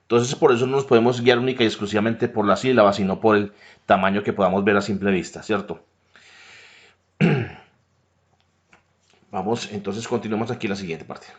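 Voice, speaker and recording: A man's voice: lowish voice, fairly even intonation, moderate pace, pauses often. A man explains English grammar over slides, often checking in with tag questions. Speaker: English teacher. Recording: dull lo-fi recording.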